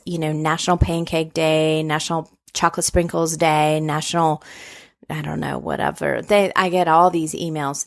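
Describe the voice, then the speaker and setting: A woman with a Southern American accent hosting a podcast, chatting casually with a guest and reading her show intro. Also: on the low side. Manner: friendly, chatty, laughs easily. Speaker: podcast host.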